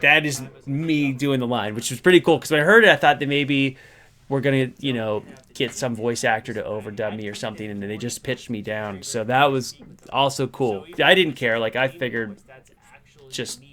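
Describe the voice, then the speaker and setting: A man's voice: medium pitch, normal speed, sharp tone. A middle-aged man telling a behind-the-scenes story to camera in a casual, enthusiastic, rambling way.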